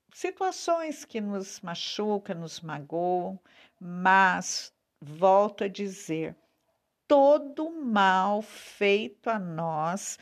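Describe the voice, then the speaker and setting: A woman with a Brazilian Portuguese accent giving a devotional talk straight to the viewer, earnest and deliberate, drawing out her key words and often checking in with "né?". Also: mid-range voice. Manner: slow, earnest, drawn-out emphasis, frequent "né?". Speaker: preacher.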